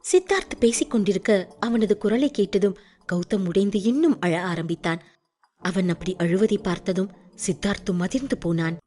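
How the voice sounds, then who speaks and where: A woman narrating an audiobook with expressive storytelling. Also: medium pitch, normal speed.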